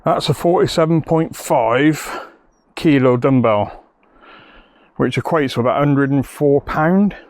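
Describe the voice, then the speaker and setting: A man's voice: medium pitch, a little slow, a little mellow, no room sound, clean studio sound. A man giving a chatty, enthusiastic bike review outdoors, rambling a little as he talks. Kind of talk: casual video review.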